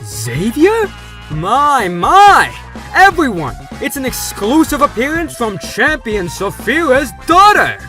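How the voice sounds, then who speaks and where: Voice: medium pitch, very animated, moderate pace, bright, forceful tone. An actor voicing a theatrical, polite male TV talk show host in a game story, with music behind. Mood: showy, excited. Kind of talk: showy talk show presenting.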